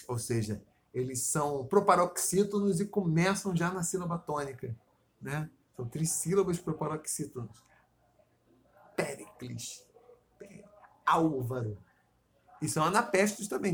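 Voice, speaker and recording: A Brazilian man co-hosting a loose podcast chat. His voice sits a bit high, and he rambles and swears freely as he drifts from story to tangent. A faint room ambience hangs behind him. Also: creaky, slight background noise. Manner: rambling, swears freely, digresses into poetic meter. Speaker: podcast co-host. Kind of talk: casual chat.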